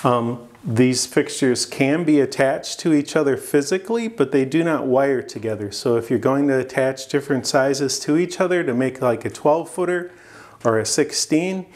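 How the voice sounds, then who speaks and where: A man in his forties presenting a product in a plain indoor studio, explaining steadily with the odd filler pause. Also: medium pitch, a little mellow. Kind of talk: product demonstration.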